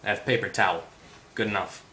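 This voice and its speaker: A man with a lowish voice talks fast over heavy background noise. He hosts a hands-on electronics repair tutorial, explaining casually and off the cuff, thinking aloud and correcting himself as he goes.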